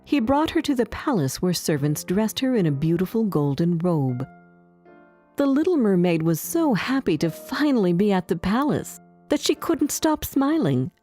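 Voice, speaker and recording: A woman narrating a fairy tale clearly and deliberately for English learners. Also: mid-range voice, sing-song, mellow, soft background music. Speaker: story narrator.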